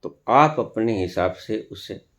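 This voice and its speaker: A man giving a spiritual discourse as a teacher, speaking deliberately with long pauses and sometimes scolding his listeners with rhetorical questions. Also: fairly low pitch, lively intonation, fairly bright tone.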